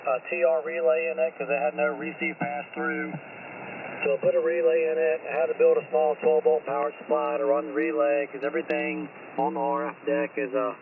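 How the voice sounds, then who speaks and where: Guy with heavy vocal fry on mistuned ham radio, sounds far off, folksy casual chat. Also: medium pitch. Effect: mistuned ham radio voice, slightly off frequency. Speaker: amateur radio operator. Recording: narrow-band radio, loud static, distant sound.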